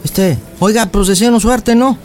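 A man's voice: sits high, a little slow, a little mellow, faint music behind. A man putting on a pleading young boyfriend. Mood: swearing. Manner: pleading, swears oaths, wheedling. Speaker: radio prank caller. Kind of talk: radio prank call.

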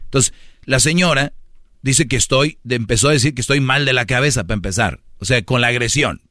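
A man's voice: medium pitch, brisk, bright, forceful tone, no echo, studio quality. A man hosting a radio show, talking firmly and lecturing his co-host in casual banter. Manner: firm, lecturing, teasing.

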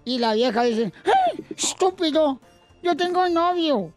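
Man putting on a high, whiny Mexican sad-sack divorcé, faint music under. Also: expressive, measured pace, no room sound. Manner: whiny, tearful comic storytelling. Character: weepy lovesick divorced man, self-pitying. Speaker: radio comedian.

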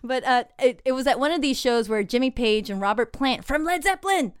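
A woman's voice: high-pitched, lively intonation, fairly quick, clear, resonant tone, dry recording, studio quality. A woman co-hosting a podcast, telling a story in a loose, chatty way with fillers and restarts. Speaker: podcast co-host. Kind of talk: casual storytelling chat.

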